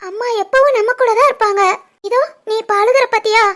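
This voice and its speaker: A woman voicing a high, soothing young wife. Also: fairly even intonation, a little fast, a bit bright. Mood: tender. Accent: Tirunelveli Tamil. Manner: soothing, coaxing. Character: caring young wife, gentle and comforting. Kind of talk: animated family drama.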